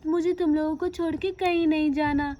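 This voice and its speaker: A woman's voice: high voice, fairly even intonation, a little fast, muffled recording, close to an everyday voice. A woman voicing a young bride who is sad about leaving her family in a doll story. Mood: tearful. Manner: tearful, fussing.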